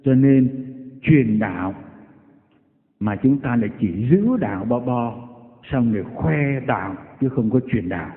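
A man's voice: medium pitch, measured pace. Priest guy giving a homely sermon, echoey room, thin lo-fi audio. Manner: folksy storytelling, animated quoted voices. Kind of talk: sermon with anecdotes. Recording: echoey hall over tinny lo-fi line.

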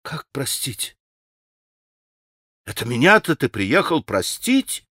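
A man voicing a proud, hot-tempered young woman in an audiobook, shrill and scornful. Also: sing-song, takes it slowly, bright, forceful tone, no echo, studio quality, full character voice. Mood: scornful hysterical.

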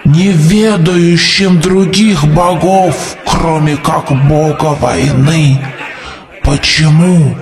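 An actor playing an old grey-haired prophet with a creaky, dusty voice, preaching doom to a crowd in an audiobook. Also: male voice, fairly high pitch, recorded from a distance. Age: older. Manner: solemn preaching to a crowd, rising to shouts. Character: ancient grey-haired male prophet, fervent and doom-laden. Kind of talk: audiobook character voice. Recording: voice over music.

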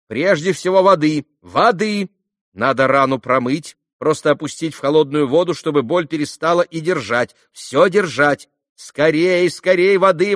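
A man voicing an excitable, imperious teenage girl in an audiobook, in shrill, commanding outbursts. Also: dry recording, clean studio sound. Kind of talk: audiobook character reading.

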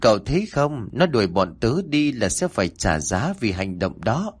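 A sly child spirit gloats softly about revenge, as a male narrator puts it on. The voice is lifted only a little from the reader's own low tone. It is a storybook ghost. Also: very animated, normal speed, breathy edge. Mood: gloating.

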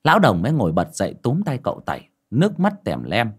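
A man narrating a ghost story audiobook with expressive storytelling. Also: medium pitch, quick pace, slightly rough. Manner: storytelling with expressive rises and falls. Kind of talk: scripted narration.

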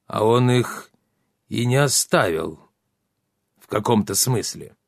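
A man's voice: mid-range voice, lively intonation, slow, creaky, no echo, studio quality, exaggerated voice. A man voicing a touchy, grumpy old wizard who scolds his apprentice in theatrical outbursts. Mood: lecturing.

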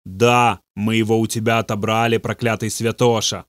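A man voicing a boastful male demon speaking through a possessed youth, in a slow, low, gloating way. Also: little pitch movement, no echo, clean studio sound, lightly acted. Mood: whining.

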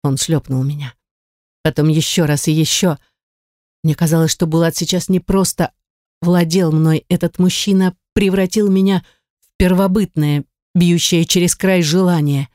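A woman narrating a first-person erotic audiobook in an even, intimate storytelling voice on a close mic. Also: on the low side, moderate pace, no room sound. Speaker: audiobook reader.

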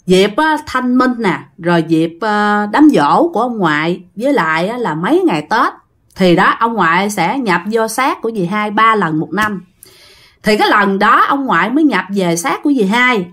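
A woman with a Southern Vietnamese accent casually narrating a ghost story, talking directly to her listeners. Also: medium pitch. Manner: animated, addresses listeners directly.

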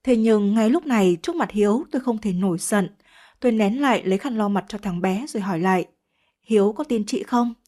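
A woman reading a first-person story aloud in a steady, emotional way. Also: mid-range voice, fast. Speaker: audiobook narrator. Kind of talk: scripted story narration.

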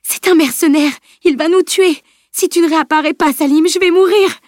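A woman voicing a desperate teenage heroine who pleads in high, loud calls. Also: a little fast, no echo, studio quality, lightly acted. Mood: desperate pleading. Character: desperate teenage girl heroine, fierce and bossy.

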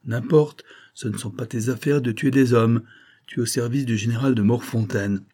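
A man's voice: medium pitch, steady tone, moderate pace, warm tone, close to an everyday voice. A man voicing a proud noble count in an audiobook, speaking curtly and with command.

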